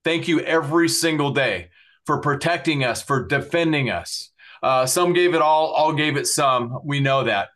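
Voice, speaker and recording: An earnest middle-aged man closes out his podcast, thanking his guest and plugging his websites. He sounds heartfelt and a little repetitive, with plenty of fillers. His voice sits fairly high for a man. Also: normal speed, a bit bright. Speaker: podcast host.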